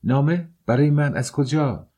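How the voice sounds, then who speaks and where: A man's voice: low-pitched, very animated, a little mellow, heavily acted. A man voicing a brooding young student. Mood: startled. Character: young poor male student, brooding and feverish.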